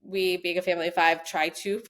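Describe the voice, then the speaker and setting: A woman's voice: on the low side, level tone, brisk, fairly bright tone. A woman in her thirties, a podcast guest, chatting casually and giving practical travel tips with many "like" fillers.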